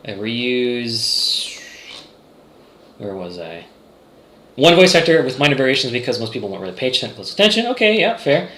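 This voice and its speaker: A man's voice: medium pitch, big pitch swings, normal speed, long pauses, fairly bright tone, roomy sound. A man developing a game, chatting casually on a livestream and rambling with lots of fillers and restarts. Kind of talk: casual livestream chat reading chat.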